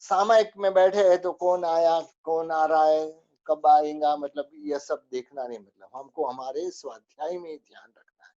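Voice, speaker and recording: A man's voice: on the high side, fairly even intonation, normal speed, mellow, lo-fi sound. A man teaching a spoken religious lesson, going through a list of rules with many fillers.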